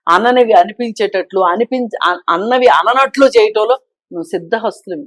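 A woman speaks as a talk-show guest, pressing her argument and firing off rhetorical questions. Her voice sits at an average pitch. It is recorded dry and close, with almost no room sound. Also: fairly quick, dry recording. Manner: emphatic, argues with rhetorical questions. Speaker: social commentator guest. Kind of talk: opinionated talk-show discussion.

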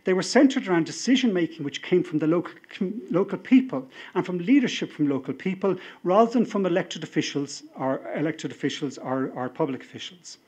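A man's voice: sits high, animated, a little fast, few pauses, darkish tone, husky. A middle-aged Irish man giving a rousing political convention speech as party leader at a podium microphone in a large hall. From Ireland. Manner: rousing speech-making, building to emphatic appeals. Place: large hall with a seated audience, indoors.

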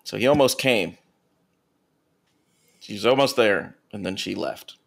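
Gravelly low-voiced man reading deadpan. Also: slow pace. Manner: deadpan asides between read passages. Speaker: podcast co-host reading stories. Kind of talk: comedic reading and casual chat.

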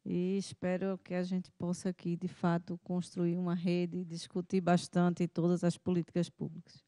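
A woman from Pernambuco, a municipal health secretary, introducing herself in a measured, formal way into a handheld microphone. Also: fairly low pitch, completely flat delivery, mellow, no room sound. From Pernambuco, Brazil.

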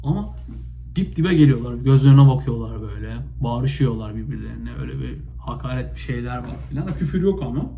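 A man from Turkey vlogging in a casual, spontaneous monologue, retelling stories with lots of fillers and animated bursts. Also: mid-range voice, brisk. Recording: echoey room, faint background noise.

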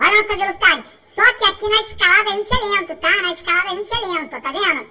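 A Brazilian woman calls out a mobile race game as she plays, in a very high, sharply bright voice. She talks in quick repeated bursts and often breaks into laughs and shouts. Her voice sounds a little distant from the microphone. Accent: Brazilian Portuguese. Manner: excitable, chatty, repeats phrases, frequent laughs and shouts. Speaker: gaming channel host.

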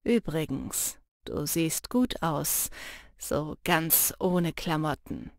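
Lady reading a serious young shapeshifter guy, deep-ish and urgent, storybook style, dry sound. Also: a little slow, dry recording, close to an everyday voice. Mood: teasing. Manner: low, earnest and urging, soft when teasing. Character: intense protective young male shapeshifter. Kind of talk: audiobook character voice.

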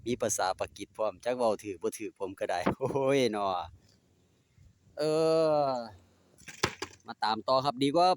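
A man with a Northeastern Thai Isan accent speaks at medium pitch, a little slowly and with frequent pauses. He's an easygoing DIY vlogger narrating casually while working in his outdoor home yard, chatting, using polite particles, and talking to his dogs.

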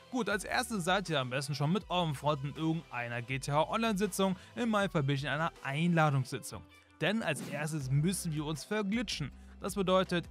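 A man's voice: a little high, a bit bright. A young man narrating a game tutorial in a chatty way, constantly addressing his viewers. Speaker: gaming YouTuber. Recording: faint music behind.

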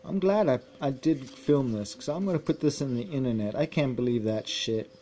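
A man's voice: medium pitch, normal speed, dark tone, slight background noise. Agitated man ranting while opening card packs. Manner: agitated, indignant, repeats himself. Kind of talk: casual unboxing vlog.

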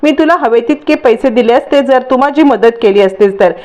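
A woman's voice: a little high, moderate pace, darkish tone, natural voice. Woman reading a haughty young impostor. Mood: defiant. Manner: defiant, haughty. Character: lying young woman, arrogant impostor daughter.

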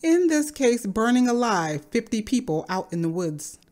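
A woman giving a scripted, explanatory narration in a measured, speculative manner. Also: fairly high pitch, big pitch swings, noisy background. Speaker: video creator narrating a game theory.

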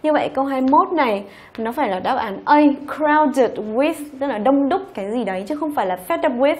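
A woman's voice: high voice, animated, a little fast. A woman teaches an online review lesson in a slightly raised voice, speaking. She walks through each answer step by step and regularly checks that her students follow along. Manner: explains step by step, often checks with "ok?" and "đúng không?". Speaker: English teacher.

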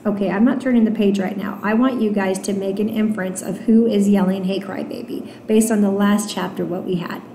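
A woman teacher reading a novel aloud to her students, stopping for gentle explanatory asides with fillers. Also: mid-range voice, steady tone, brisk, few pauses, slight background noise. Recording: roomy echo.

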